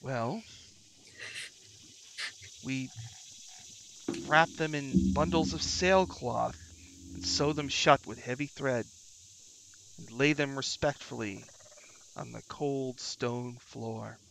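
A man voicing a solemn, guarded servant of a swamp shrine, formal and measured in a tabletop game. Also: medium pitch, creaky, fairly bright tone, slight background noise, low-quality recording. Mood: reverent.

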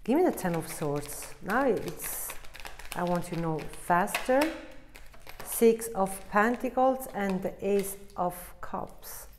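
A woman's voice: mid-range voice, animated, slow, slight background noise. Rambling woman doing a tarot reading. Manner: rambling, searches for words, laughs at herself. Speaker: tarot reader.

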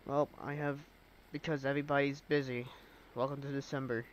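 A young man with a stuffed-up, sleepy voice gives live gameplay commentary, laid back but bursting into excited shouts at the action. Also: medium pitch, brisk, lo-fi sound, a little hiss or hum. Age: young adult. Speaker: game streamer.

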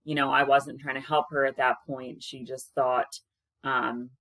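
A woman in her thirties, a caregiver sharing her experiences, gives casual advice to a webcam in a small room with a plain wall. Her strikingly deep, projecting voice is loud and frank, with a flat delivery and measured pace. The sound is dry, with no room echo at all.

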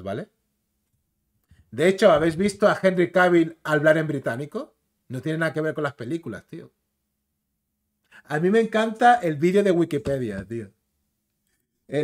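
Man, from the Canary Islands, casual clip commentary, slangy, chatty, slightly high voice. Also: a little mellow. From Canary Islands, Spain. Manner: chatty, slangy, keeps tagging phrases with "tío" and "¿vale?". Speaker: video commentator.

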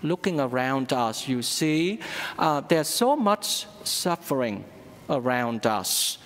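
A middle-aged man, a priest, giving a sermon at the altar with a slow, halting delivery full of fillers. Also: medium pitch, sing-song, a bit bright, a little hiss or hum. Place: large church sanctuary at the altar. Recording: long church reverb.

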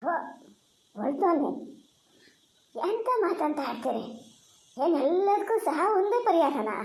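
A bustling cartoon village woman, voiced by an actor, chatters in a very high, brisk voice, coaxing and scolding. She sounds loud and bossy but kind. The room echoes around her.

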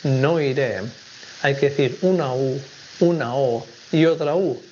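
A man from explaining English grammar in a recorded video lesson, saying his English examples slowly and clearly. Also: medium pitch, a little mellow, highs cut off, a little hiss or hum. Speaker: English teacher.

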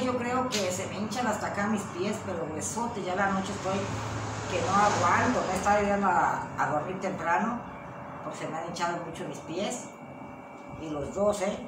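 A woman's voice: mid-range voice, moderate pace. Chatty older Mexican grandmother, echoey distant sound. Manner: chatty, rambling, affectionate. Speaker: vlog host, grandmother. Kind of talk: casual home vlog chat. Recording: echoey, distant mic, clear background noise.

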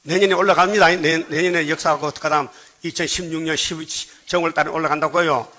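A man with a Gyeongsang dialect preaching a sermon, reading scripture slowly, then pressing the congregation with rhetorical questions. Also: a little high, steady tone, bright, forceful tone. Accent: Gyeongsang Korean dialect. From Gyeongsang Province, Korea. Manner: slow, measured cadence when reading scripture. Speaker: pastor.

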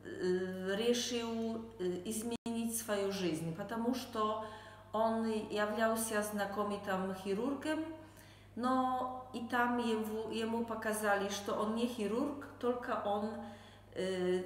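A woman with a Polish accent gives interview answers in halting, non-native Russian. Her pace is very slow, with gaps while she searches for words. The room is heavily echoey, with a long reverb tail around her voice. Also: medium pitch, steady tone. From Poland. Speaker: interview guest, translator and health consultant.

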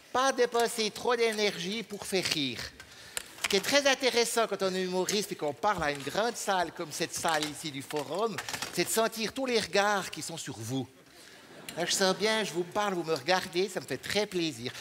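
A man from Switzerland with a Swiss French accent doing deadpan stand-up on a large theater stage, hesitating and filling pauses as he talks. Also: high-pitched. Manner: deadpan, hesitant, many fillers. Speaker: stand-up comedian. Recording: live hall with reverb and noise.

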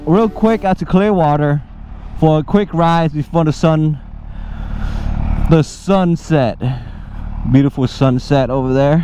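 A man's voice: on the high side, measured pace, long pauses, dark tone, soft background music. A man on a motorcycle casually talking into a helmet-mounted mic, upbeat and motivational, often repeating his phrases. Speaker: motovlogger. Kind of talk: casual motovlog chat while riding. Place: on a motorcycle on open roads. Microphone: helmet-mounted action camera mic.

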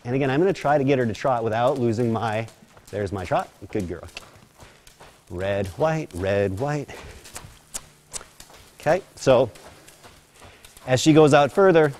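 A man's voice: mid-range voice, lively intonation, a little fast, a little mellow, a little hiss or hum. Man chanting rhythmic counts, teaching horsemanship. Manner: light self-deprecating asides. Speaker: horse trainer. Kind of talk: hands-on riding instruction. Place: horse arena.

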